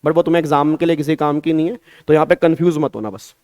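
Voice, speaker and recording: High, smooth-voiced Indian man teaching tax. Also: fairly even intonation, fast talker, darkish tone, dry recording. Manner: coaxing, repeats questions to students; Hindi mixed with English terms. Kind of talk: online exam-prep lecture.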